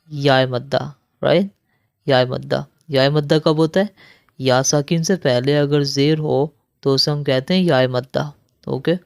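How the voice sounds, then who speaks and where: Guy teaching quran reading, super clean smooth voice, spells stuff out slow and draws words out. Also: a little high, dry recording, studio quality. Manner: spells out syllables slowly, then reads each word in a long drawn-out voice; explains rules quickly, often checking in with the learner. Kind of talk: spelling drill lesson for beginners.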